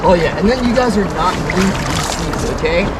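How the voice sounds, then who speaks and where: A man's voice: high voice, expressive. A man working as a rafting guide, giving casual, encouraging instructions to his group in an upbeat, informal way. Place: outdoors on a river by rafts. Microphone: action camera among the group. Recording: noisy outdoor action-camera audio, rushing water.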